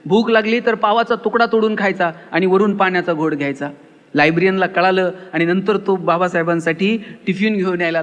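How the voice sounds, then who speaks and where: A man's voice: high voice, fairly bright tone, lo-fi sound. A man giving an emphatic motivational lecture, telling stories and acting out the dialogue. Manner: emphatic, storytelling, acts out dialogue. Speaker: motivational speaker. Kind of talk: public lecture with acted anecdotes. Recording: long hall reverb.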